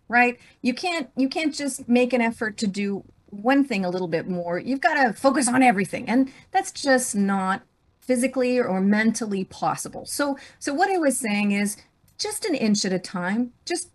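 A middle-aged woman, a business leader, telling a personal story as a guest on a podcast, animated and restarting her phrases. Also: a little high. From grew up on a farm.

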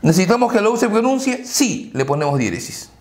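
A man's voice: high voice, big pitch swings, a little fast, a little hiss or hum. A man teaching a language lesson for entrance exams, drilling examples and answering his own questions. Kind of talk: exam-prep lecture. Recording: echoey room.

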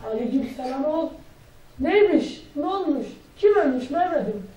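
A woman's voice: high-pitched, expressive, normal speed, warm tone. A woman playing a kindly old village father, head of the household, in a stage drama. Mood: anxious. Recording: echoey, distant, faint background noise.

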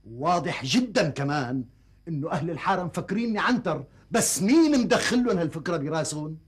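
A brooding, suspicious returnee. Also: male voice, a little high, lively intonation, fast, breathy edge. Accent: Damascene Arabic. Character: troubled man returned home, suspicious and brooding.

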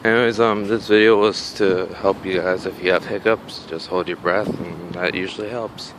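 A man with hiccups giving a rambling, halting tip in a casual home video. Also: low voice, steady tone, noisy background. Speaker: vlogger.

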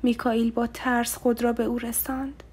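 High-voiced woman reading a romance novel. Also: little pitch movement, a little mellow, breathy edge. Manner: emotive, voices dialogue with rising intensity. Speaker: audiobook narrator.

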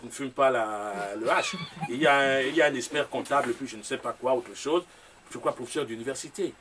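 A Cameroonian author with a Cameroonian French accent appears as a guest on a discussion show, speaking emphatically and repeating his points with rhetorical phrases. His mid-range voice is a bit bright and a little fast. A distant mic picks him up along with faint room noise.

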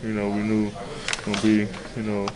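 A young man in his twenties, a basketball player giving a low-key postgame interview in a locker room, filler-heavy and matter-of-fact. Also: a little fast, a crowd in the background, rough recording. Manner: low-key, flat, many "you know" fillers. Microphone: handheld reporter mics close to face.

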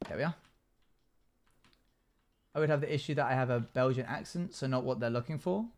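Streaming live from a small home room indoors, this man in his twenties reads out chat messages and replies to them while casually commenting on a game. His mid-range voice moves briskly, and his manner stays chatty throughout.

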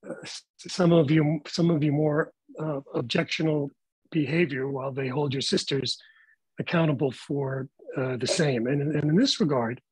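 A man talks on a video call panel in a slightly high, husky voice, picked up close and dry. He speaks in a measured, reflective way and often restarts words while he gathers his thoughts. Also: a little mellow, no echo, poor audio. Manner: measured, thoughtful, with frequent fillers and repeated words. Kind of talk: panel discussion remarks.

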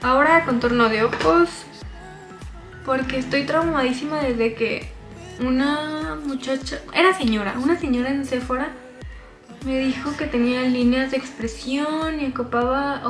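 A woman's voice: sits high, roomy sound. A young woman in her twenties with a Mexican accent, chatting and rambling with self-deprecating asides while doing her makeup in a small bedroom. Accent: Mexican Spanish. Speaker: vlogger. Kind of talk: casual makeup vlog chat.

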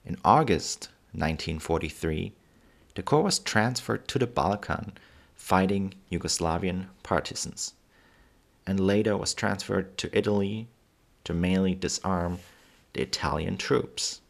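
Gravelly, low-voiced German-accented man saying v for w. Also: a little slow. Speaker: history channel host. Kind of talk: scripted narration.

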